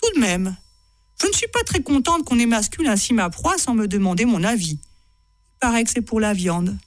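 A woman's voice: on the high side, animated, normal speed, dry recording. A woman author reading excerpts from her own writing to an audience, chatty and self-mocking, often laughing at her own lines.

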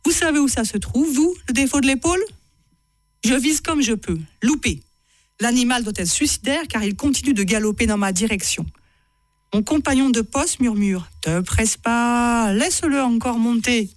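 A woman's voice: on the high side, moderate pace, no echo. A woman author reading excerpts from her own writing to an audience, chatty and self-mocking, often laughing at her own lines.

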